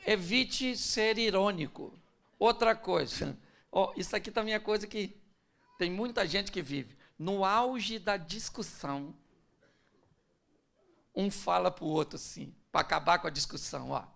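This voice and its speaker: Male pastor, bright forceful voice, conversational sermon with acted-out scenes. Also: sits high, unhurried, vocal fry. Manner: conversational, joking, acts out scenes.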